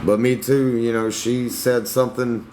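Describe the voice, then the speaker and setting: A young man talks casually to his livestream chat, blunt and defensive, with Southern-tinged slang. His mid-range voice holds a level tone at normal speed, and the room is noisy with air conditioning hum.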